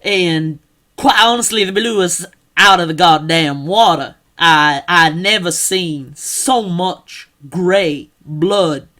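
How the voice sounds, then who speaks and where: A man doing an old-time Southern Confederate soldier who drawls slowly and stumbles over his words as he recalls the war. The voice sits a touch higher than usual for a man, unhurried and rambling, with a homemade accent-impression feel. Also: bright, forceful tone, full character voice. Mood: reminiscing. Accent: American Southern (put on). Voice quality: slow drawl. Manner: rambling, halting repetitions.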